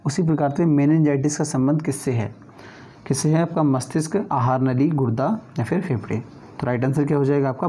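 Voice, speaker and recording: A man's voice: mid-range voice, warm tone. A man teaching an exam-prep lesson, working through reasoning questions one by one and often checking in with his students.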